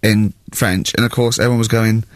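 A man hosting a casual radio chat, telling animated anecdotes and acting out the people in them on a studio microphone. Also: on the low side, brisk, no echo. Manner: animated anecdote-teller who acts out the people he describes. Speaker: radio host.

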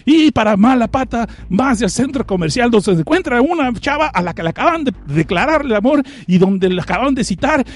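A man's voice: high-pitched, a little mellow. A man with a Mexican accent recapping an anime episode as a joke-filled comic narrator, full of crude slang and asides to his viewers. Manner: playful, slangy, crude jokes, talks to audience.

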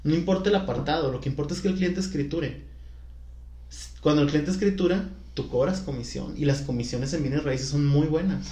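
A man's voice: on the high side, fairly quick, dark tone, echoey room. A man from Culiacán, chatting casually as a podcast co-host and explaining at length. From Culiacán, Mexico. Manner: chatty, explanatory, laughs easily. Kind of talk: casual chat.

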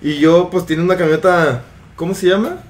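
A man's voice: sits high, fairly even intonation, brisk. A young man with a Mexican Spanish accent telling a slangy story to his friends, laughing and acting out the people in it. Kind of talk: casual storytelling among friends.

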